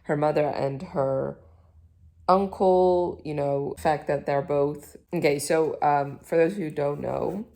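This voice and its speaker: Young woman, low-pitched, relaxed home book-vlog chat, meandering with fillers. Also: takes it slowly, gravelly. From Iraq, raised in the Netherlands. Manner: chatty, rambling, lots of fillers and self-corrections. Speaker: book vlogger. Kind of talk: casual chat to camera. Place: at home on a couch.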